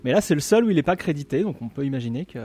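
A man's voice: a little high, rapid-fire, slightly rough. A man chatting casually as a co-host, hesitant and full of fillers. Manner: hesitant, many fillers, lively intonation. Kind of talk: casual chat.

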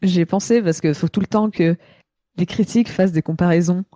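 Casual podcast panelist: woman, twenties, hoarse gravelly voice from a cold, mellow dark tone, close dry sound. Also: on the low side, fairly quick, dry recording. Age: 20s. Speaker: podcast panelist reading out reviews. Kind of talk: casual chat.

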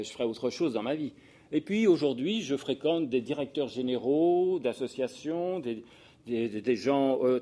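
An older sociologist from the Paris region of France gives an informal talk with personal anecdotes to social work professionals, in a medium-pitched, warm voice. His delivery is hesitant and digressive, with self-interruptions and repeated words.

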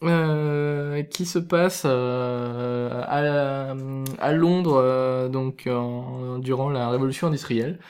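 A man's voice: medium pitch, fairly even intonation, slow pace, few pauses, darkish tone. A man presenting a film in a casual panel chat, joking and hesitant, with frequent fillers.

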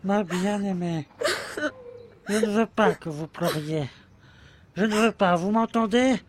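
A man playing a slow, pleading devoted lover. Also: sits high, a little hiss or hum. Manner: tender, pleading, insistent. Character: adoring, anxious young male lover. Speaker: voice actor. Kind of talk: amateur audio drama acting.

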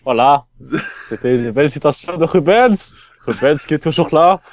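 A man's voice: fairly high pitch, lively intonation, normal speed, dry recording, close to an everyday voice. A man putting on a hammy fake German accent, giggling and stumbling.

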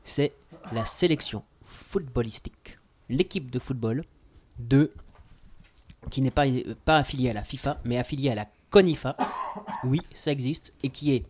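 A man's voice: mid-range voice, moderate pace, a little mellow, slight background noise. Amused man telling a news anecdote. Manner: storytelling, amused, lists details. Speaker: podcast co-host. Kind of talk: casual chat.

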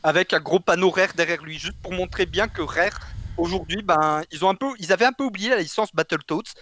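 A man's voice: high-pitched, brisk, bright, forceful tone, slight background noise. A man co-hosting a casual video game chat, joking and slangy, with lots of fillers. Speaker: game show co-host.

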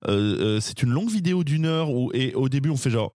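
A man's voice: medium pitch, animated, a little fast, darkish tone, no room sound, clean studio sound. A man, a podcast regular, chatting casually and hesitantly about a favorite video. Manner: hesitant, full of "euh" and restarts, amused. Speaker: podcast host. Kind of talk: casual chat.

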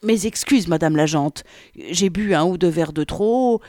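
A woman's voice: on the low side, a little slow, warm tone, no echo, clean studio sound, close to an everyday voice. Woman doing a smug, brazen young man. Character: cocky aroused young man pleading.

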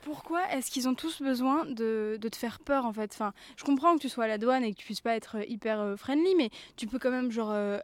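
A woman's voice: on the high side, no echo. A woman co-hosting a travel podcast, giving her opinions in a casual chat. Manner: opinionated, quick to comment.

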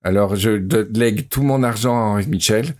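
A man doing an impression of his co-host, lowering his voice into a gruff, rambling grumble. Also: normal speed, darkish tone, lightly acted. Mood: grumpy.

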